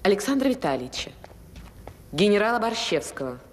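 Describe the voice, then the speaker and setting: A woman's voice: medium pitch, big pitch swings, fairly quick, a little hiss or hum, lightly acted. A woman playing a haughty, defiant guest in a military film, speaking with sarcasm. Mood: haughty, indignant. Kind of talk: film acting.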